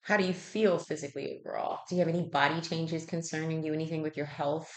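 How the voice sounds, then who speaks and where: Speaking fast in a low, steady voice, a woman works through a clinical intake interview. As the health professional taking the history, she conversationally confirms and repeats what the patient tells her.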